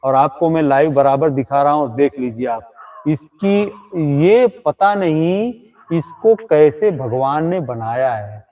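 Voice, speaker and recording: A man's voice: fairly high pitch, animated, slow, phone-quality sound. A man hosting a comedy live stream outdoors at night, teasing and chatting with a ghost he claims stands in front of him. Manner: teasing, talks directly to an unseen ghost.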